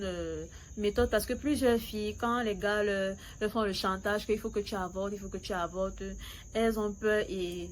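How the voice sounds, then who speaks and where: A woman's voice: medium pitch, a little hiss or hum, poor audio. A woman vlogger, speaking French as an in a casual, chatty opinion style, sometimes hesitant and switching into English. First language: not French; fluent in English. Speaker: YouTube series reviewer.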